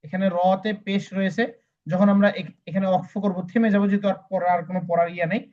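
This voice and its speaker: A man teaching Quran reading, spelling out each word slowly letter by letter and repeating it before explaining the rules. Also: sits high, level tone, muffled recording. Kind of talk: spelling-out recitation lesson.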